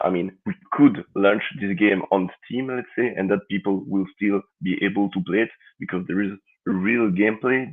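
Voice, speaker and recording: A man speaking as a game developer on a panel, hesitant with many uhs. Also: on the low side. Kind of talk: online panel discussion. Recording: tinny phone-like line.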